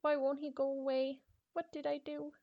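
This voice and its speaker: A woman's voice: sits high, steady tone, moderate pace, highs cut off, pitched above the performer's own voice, natural voice. A woman voicing a frightened, obsessive young schoolgirl reading out her horror diary, pleading, stammering and repeating herself. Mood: terrified, pleading.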